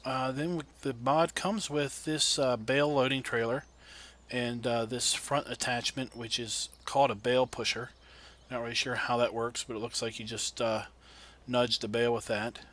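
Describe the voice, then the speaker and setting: A man giving casual, unhurried gameplay commentary as host of a farming game video, thinking aloud in a folksy way with a tractor engine rumbling behind him. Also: fairly even intonation. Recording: loud vehicle engine noise behind voice.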